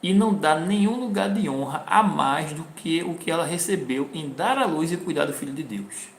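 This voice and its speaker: A man's voice: fairly high pitch, moderate pace, gravelly, reverberant, a little hiss or hum. A man teaching from the Bible, reading verses aloud and then explaining them plainly. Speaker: preacher.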